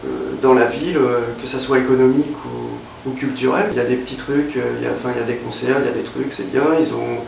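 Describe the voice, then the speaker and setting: This is a young man from Évreux in Normandy, France, a freelance illustrator giving a casual interview. His medium-pitched voice is gravelly and darkish, with fairly even intonation, and he talks fast with few pauses, though he is hesitant and keeps restarting and using fillers. The distant mic catches a roomy sound, faint ambience and a little hiss or hum.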